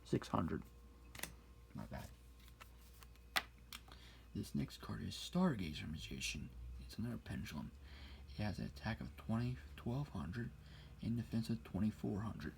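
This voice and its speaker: A man speaking very quietly, sometimes whispering, close to the ear in an ASMR style, reading things out slowly. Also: lowish voice, very animated, vocal fry, noisy background. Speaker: ASMR card collector showing a deck. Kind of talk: quiet ASMR talk, soft-spoken to whispered. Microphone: close-up ASMR mic.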